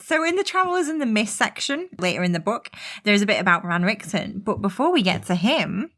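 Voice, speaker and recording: A woman podcast host reading game lore aloud in a chatty way, her voice going hoarse. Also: medium pitch, sing-song, a bit bright. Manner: chatty, quick to laugh.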